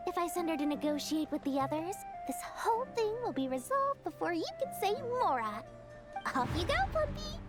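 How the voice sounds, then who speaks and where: A woman's voice: very high-pitched, sing-song, moderate pace. A woman voicing a small, shrewd, boastful female merchant in a video game, with haughty, theatrical salesmanship. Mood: smug. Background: music.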